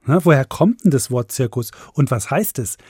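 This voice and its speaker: A man hosts a children's program and talks straight to the young listeners. His voice is husky. It is recorded dry and close. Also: medium pitch, expressive, normal speed, darkish tone, no echo. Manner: friendly, addresses kids directly. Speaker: host. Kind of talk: children's radio presenting.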